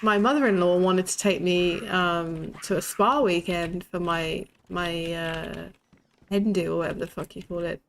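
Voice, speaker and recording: A young woman with a lisp chats casually as she streams a shooter game, blunt, sweary and quick to laugh. Her voice is low-ish and creaky at a moderate pace, with a little hiss or hum in the audio.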